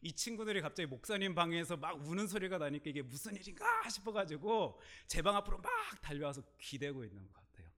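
Middle-aged male preacher with a bright, forceful voice, telling a story from the pulpit with sudden loud emphasis and hushed asides. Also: on the high side, huge pitch swings, fast talker, hardly any pauses. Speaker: pastor. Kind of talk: sermon.

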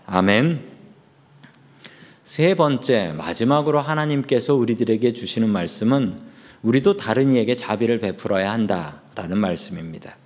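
A man's voice: on the low side, animated, moderate pace, a little mellow. A man preaching a sermon as pastor, fervent and raising his voice for emphasis.

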